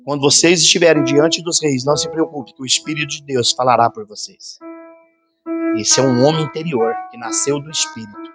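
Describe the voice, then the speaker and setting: Pastor preaching over music. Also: male voice, mid-range voice, fairly even intonation, brisk. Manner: fervent preaching, acts out quoted voices and sounds. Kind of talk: sermon. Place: church conference hall. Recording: sermon with music playing underneath.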